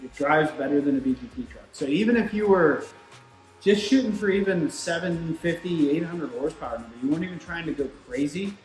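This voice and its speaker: A man's voice: a little high, lively intonation, brisk, darkish tone. Man talking shop in an echoey room. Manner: conversational, explanatory. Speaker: turbo shop product expert and presenter. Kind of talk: casual technical shop talk. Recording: roomy echo, music, machinery behind. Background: shop machines running in the background.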